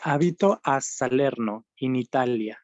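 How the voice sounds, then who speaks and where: A man student on a video call, reading aloud haltingly. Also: mid-range voice, animated, dry recording. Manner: reads haltingly. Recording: dull, dry video-call audio.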